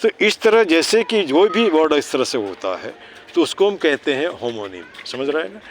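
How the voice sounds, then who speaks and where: His voice is fairly high and sing-song, at a normal speed, with slight noise in the background. The speaker, a neighbourhood cleanliness volunteer, casually instructs children outdoors near a city park, mixing English into Hindi, reciting rhyming slogans and checking understanding through constant tag questions.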